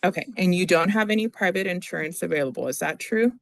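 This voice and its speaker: A gravelly, mid-range voice belongs to an attorney who reads out requests and questions a witness in a formal, halting, procedural courtroom style.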